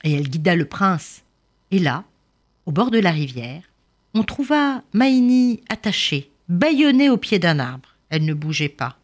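A woman storyteller reading a folk tale aloud for children in an expressive, animated way. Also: lowish voice, moderate pace.

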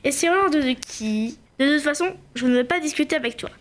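Boy doing a high, sulky storybook wolf, fed up and suspicious, talks back. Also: lively intonation, fairly quick, fairly bright tone. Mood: sulky, indignant. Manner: sulky, indignant back-talk.

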